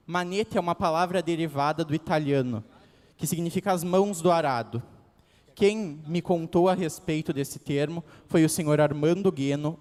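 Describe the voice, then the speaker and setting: An eighteen-year-old pageant contestant from Rio Grande do Sul, Brazil, delivers a formal, declamatory oral presentation in Gaúcho Brazilian Portuguese. His voice is a little high with a darkish tone, and the recording has a long reverb tail.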